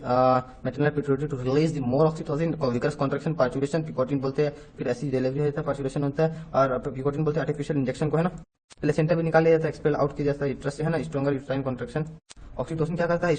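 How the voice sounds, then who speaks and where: A man rushes through an exam revision lecture at a very quick clip. His voice sits a little high for a man. He mixes Hindi and English science terms and marks each statement right or wrong. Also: darkish tone. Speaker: biology teacher.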